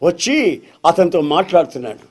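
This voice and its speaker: A man's voice: on the high side, very animated, fairly quick, a little mellow. A man preacher giving a storytelling sermon, addressing his listeners as dear brothers.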